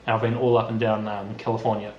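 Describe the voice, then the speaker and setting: A man's voice: lowish voice, fast, muffled recording, a little hiss or hum. A young man with a New Zealand accent, chatting casually and laughing easily as he reads out viewer comments for his vlog. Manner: chatty and relaxed, laughs easily, frequent fillers. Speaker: YouTuber reading viewer comments. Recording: roomy room sound with faint music. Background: faint background music.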